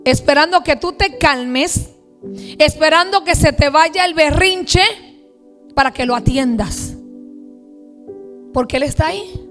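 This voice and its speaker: A woman's voice: sits high, a little slow, pauses often, fairly bright tone, faint music behind. A woman pastor preaching a sermon emphatically, stretching out key words and stacking phrases in lists. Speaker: pastor and prophet. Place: church.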